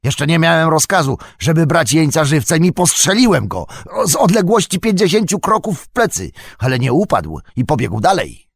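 A man voicing a brutal, threatening male orc soldier in an audiobook reading, with a gravelly, barking delivery. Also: a little high, very animated, moderate pace, no room sound, voice pushed up, full character voice. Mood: grumbling.

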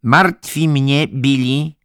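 A man's voice: on the low side, lively intonation, a little slow, a bit bright, no echo, clean studio sound, voice pushed up. A man voicing a stern, icy middle-aged head nurse who talks in a cold, falsely sweet way. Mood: cloying.

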